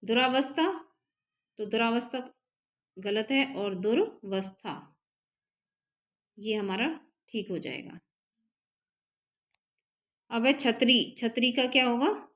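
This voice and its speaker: A Hindi teacher leads an exam-prep spelling lesson, her voice a little high, animated and a bit bright. She speaks slowly and deliberately, patiently repeating each word so her students can keep up.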